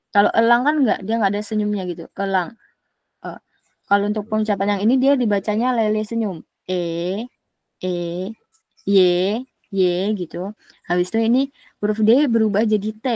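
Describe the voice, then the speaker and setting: A woman's voice: mid-range voice, a little mellow, dry recording. Patient woman tutor, dry close mic. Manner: patient, models syllables slowly and repeats them. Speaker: Mandarin tutor. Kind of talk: private online language lesson.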